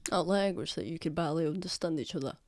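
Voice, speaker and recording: A man playing a weary, blunt orc veteran in a tabletop game, gruff and sardonic. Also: fairly high pitch, fast, no echo, clean studio sound, lightly acted. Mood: grumbling. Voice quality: gruff, sardonic, swears casually. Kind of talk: tabletop role-play in character.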